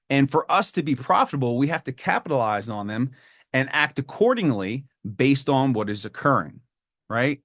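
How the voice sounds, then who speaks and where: A man hosting a trading podcast, talking casually and with energy, often jumping into a higher voice to act out panicked or eager traders. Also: no echo, clean studio sound. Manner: animated, acts out panicky traders in a raised voice. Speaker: podcast host.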